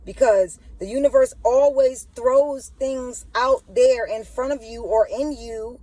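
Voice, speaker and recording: Speaking slowly in a warm, fairly high voice, a woman hosts a spiritual monologue for her channel. She stutters and keeps asking listeners "you know what I'm saying," and the recording is rough though echo-free.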